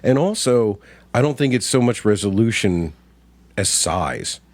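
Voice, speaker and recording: A man in his forties talks through a film in a loose, blunt way, swearing often and stating his opinions flatly. His voice sits on the lower side. The sound is dry and close to the mic. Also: a little slow, no room sound. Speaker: podcast co-host. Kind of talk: casual movie discussion.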